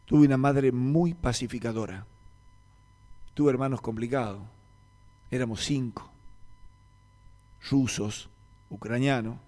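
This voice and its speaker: A male pastor with a Rioplatense accent delivers a storytelling sermon at a middling pitch. He drops to quiet, low passages, then climbs to loud, emphatic peaks. His voice carries a long reverb from a church hall. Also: slow, pauses often. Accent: Rioplatense Spanish.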